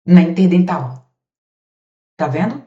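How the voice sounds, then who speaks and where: A woman's voice: lowish voice, lively intonation, slow pace, dark tone. A Brazilian woman grammar teacher giving a recorded lesson, sounding out speech sounds aloud and asking the class rhetorical questions. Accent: Brazilian Portuguese. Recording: roomy, distant, dull sound.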